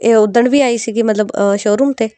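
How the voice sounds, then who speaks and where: A woman as an inquisitive in-law; pitched up high and loud. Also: normal speed, no room sound, natural voice. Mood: curious. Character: curious middle-aged future mother-in-law.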